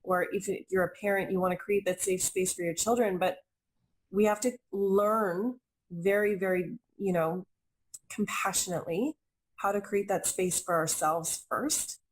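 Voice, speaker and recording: The recording is rough, and the speaker is a young adult woman with a medium-pitched voice, fairly even intonation and normal speed. As an intuitive reader and healer guesting in a conversational interview, she is earnest and reflective and often repeats phrases for emphasis.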